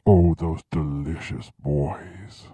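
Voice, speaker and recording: Man putting on a creepy low leering voice. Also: fairly even intonation, slow pace, warm tone, breathy edge, dry recording, exaggerated voice.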